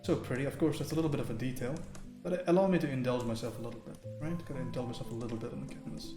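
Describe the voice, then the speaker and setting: A man streaming a live painting lesson, thinking aloud in a relaxed way and often checking in with "right?" while chatting with viewers. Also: medium pitch, racing. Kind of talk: live painting tutorial with chat. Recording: roomy sound with faint music.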